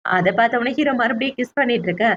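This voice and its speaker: A woman with a slightly high, somewhat bright voice briskly retells a drama as a story, scene by scene, voicing the characters' lines herself. The audio is lo-fi.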